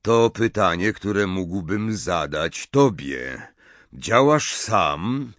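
A man playing an elderly headmaster wizard who speaks softly and unhurriedly with gentle, wry mockery. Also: low-pitched, animated, very slow, dry recording, heavily acted. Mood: wry calm. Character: calm, gently mocking old male headmaster wizard.

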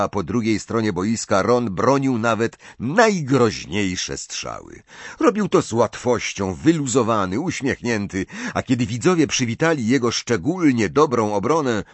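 A man narrating an audiobook in an expressive, lively reading. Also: mid-range voice, no room sound. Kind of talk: scripted narration.

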